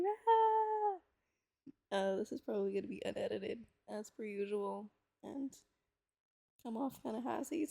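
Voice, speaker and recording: A woman with a slightly high, gravelly, darkish voice reads on her personal audio series, with no echo in the recording. She is casual, playful and self-deprecating, mixing informal chat with reading a novel aloud.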